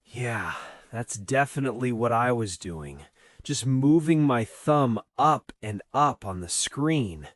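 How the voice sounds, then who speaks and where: Weary, slow-talking man. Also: mid-range voice, expressive, dry recording. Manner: groggy, weary, complaining. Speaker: student co-host. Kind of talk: scripted teaching dialogue.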